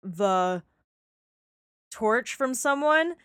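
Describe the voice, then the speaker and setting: A woman's voice: on the high side, clean tone, dry recording, studio quality. A young woman in casual chat, talking through a show's plot, acting out the characters' lines and laughing often. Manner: animated, acts out characters' lines in quick voices, laughs often. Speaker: podcast co-host discussing a TV series.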